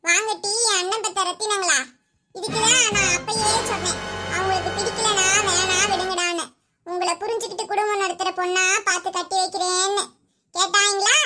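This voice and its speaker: A woman voicing a sharp-tongued old grandmother in a cartoon serial. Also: extremely high pitch, level tone, brisk, soft background music. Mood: taunting. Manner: scolding, bossy.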